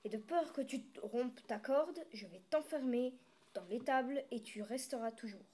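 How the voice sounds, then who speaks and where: A fretful old farmer from a storybook, pleading and scolding his goat in exasperation, as a woman reads him. The voice is soft and mellow, a touch above the usual pitch. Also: normal speed, breathy edge. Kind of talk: storybook reading.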